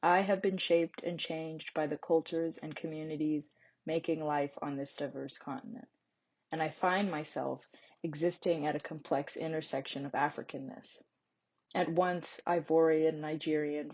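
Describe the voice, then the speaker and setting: A woman giving a measured, poetic spoken-word narration. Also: low-pitched, a little mellow, highs cut off.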